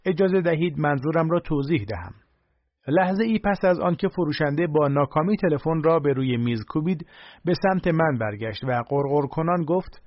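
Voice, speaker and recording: A man narrating a nonfiction audiobook in a measured, even reading. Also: on the high side, dry recording. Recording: dry, slightly dull recording.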